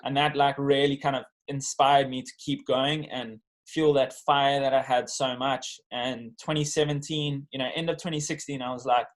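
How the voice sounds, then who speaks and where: Man, South African accent, professional athlete, informal interview storytelling, earnest, reflective, mid-pitched voice. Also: flat delivery, moderate pace, hardly any pauses. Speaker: professional bodyboarder being interviewed.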